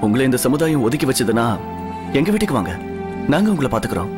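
A man's voice: medium pitch, sing-song, fast, over music, natural voice. A man dubbing a protective, determined hero in a film, speaking resolutely over a film score.

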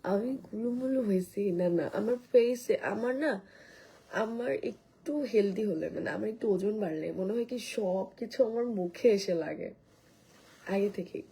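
A woman, hoarse from coughing, rambles casually through a live stream and answers viewer comments. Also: medium pitch, normal speed, mellow, low-quality recording. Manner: rambling, restarts a lot, reads commenters' names aloud. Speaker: live streamer selling skin care.

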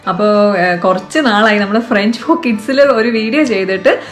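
Taking things slowly in a medium-pitched voice, a Malayali-accented vlog host gives children a casual French lesson over soft background music. She is chatty and coaxing, putting questions to the viewer.

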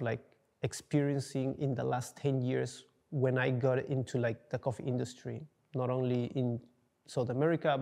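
Young man, interviewee, flat gravelly delivery, hesitant with fillers. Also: medium pitch. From Peru. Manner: searching for words, many fillers and restarts. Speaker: coffee entrepreneur, interviewee. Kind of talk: casual interview answers. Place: dark studio, indoors.

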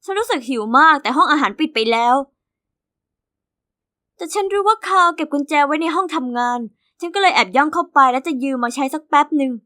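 A woman narrating as a cheeky teenage orphan girl in an animated diary story. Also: sits high, brisk. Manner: lively, cheeky first-person storytelling.

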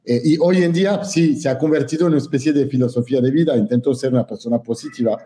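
A man from France with French as his first language, telling stories as a guest in an interview, animated and joking. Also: medium pitch, fast talker. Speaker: podcast guest. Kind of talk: casual interview storytelling.

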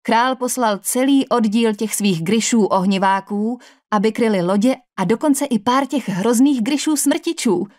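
A cheerful young male soldier who jokes and teases in light banter, read by a woman in an audiobook. He speaks in a Czech accent, a little higher than the narration around him. The voice stays easygoing and playful. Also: darkish tone, dry recording, clean studio sound, close to an everyday voice. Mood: teasing.

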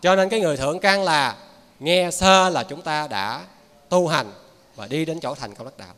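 Man, Southern Vietnamese accent, lay preacher, casual dharma talk, slightly high voice, long hall reverb. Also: normal speed, fairly bright tone. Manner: conversational, folksy preaching with frequent asides to the audience.

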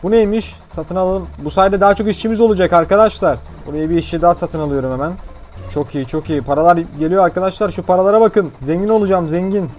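Fast-talking, excitable man, gaming commentary, a touch high-pitched. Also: slight background noise. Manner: excitable, brash, jokey. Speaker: gaming YouTuber. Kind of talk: gameplay commentary.

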